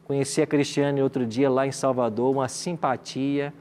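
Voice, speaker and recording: A man's voice: medium pitch, flat delivery, normal speed, darkish tone, a little hiss or hum. Brazilian guy hosting a talk show, mid voice, chatty pastor type, welcomes guests. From Minas Gerais, Brazil. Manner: cordial, talkative, often tags remarks with questions. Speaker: host, pastor. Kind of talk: chatty introductions of studio guests.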